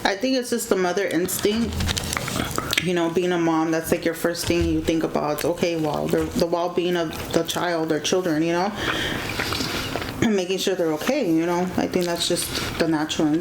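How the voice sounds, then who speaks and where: A woman's voice: on the low side, steady tone, normal speed. A woman chatting casually and informally to viewers as a mukbang vlogger. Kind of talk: casual relationship chat. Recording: echoey room with clear background noise.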